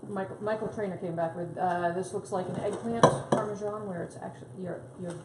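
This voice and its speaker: A woman's voice: medium pitch, steady tone, brisk, roomy sound, very noisy. A woman co-hosting a cooking show, reading viewer comments with some hesitation. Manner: hesitant, a little tongue-tied. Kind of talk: casual chat.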